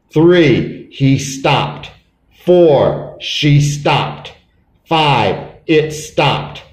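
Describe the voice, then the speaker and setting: A man's voice: medium pitch, roomy sound. A man teaching an English spelling lesson, sounding out letters and drilling verb forms in a chant. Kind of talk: classroom phonics lesson.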